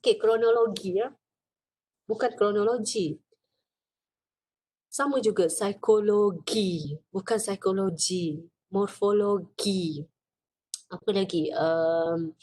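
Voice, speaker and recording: A woman's voice: medium pitch, dark tone. A woman with a Malaysian Malay accent giving a recorded lecture, explaining step by step with many fillers.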